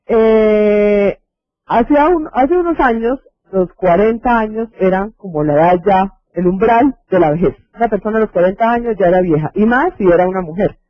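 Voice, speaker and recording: Delivering a health lecture in a didactic manner, a high-voiced man with a Colombian accent explains things and asks rhetorical questions. There is no room sound, and the audio has a dull, lo-fi videoconference quality.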